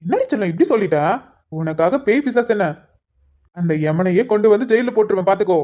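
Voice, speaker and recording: A young man on the way to the police force, teasing and tender with his girl, voiced by a woman. His talk is coaxing and playful, at an ordinary middle pitch. The cartoon audio is dull and lo-fi. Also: animated, fast, mellow, natural voice. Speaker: male lead in a cartoon love story. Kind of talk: cartoon voice acting.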